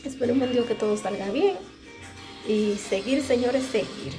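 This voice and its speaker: This home vlogger, a woman in her thirties, talks at a normal speed in a voice on the high side. She holds her phone camera at arm's length and chats casually while doing chores indoors in a small home, her throat dry and sore, with music playing behind her.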